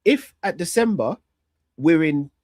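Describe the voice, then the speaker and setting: A man argues in a heated pundit debate about football. His voice sits slightly high and is recorded very dry. He presses his case point by point, determined to be heard out. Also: lively intonation, a little slow, a little mellow, no echo. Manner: insistent, argues point by point, pleads to finish. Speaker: football fan pundit on a panel show.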